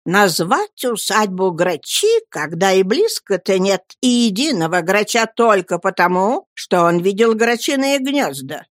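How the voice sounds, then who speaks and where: Lady reader doing a bossy old aunt, curt and impatient, slow and firm, dry close mic. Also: mid-range voice, sing-song, no echo. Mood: stern. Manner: commanding, curt, slow and emphatic. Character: stern brusque elderly aunt, domineering and impatient. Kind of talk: audiobook character voice.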